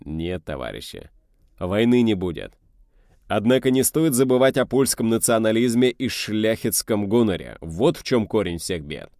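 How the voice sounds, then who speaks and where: Man as a calm Soviet leader, measured speech, low voice, lively intonation. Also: no echo, clean studio sound. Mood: steady. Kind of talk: audiobook reading.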